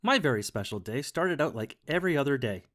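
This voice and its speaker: A man reads a children's picture book aloud in the first person, as a bunny. His delivery is playful and expressive, with a widely moving pitch. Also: quick pace. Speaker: narrator. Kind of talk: storybook read-aloud.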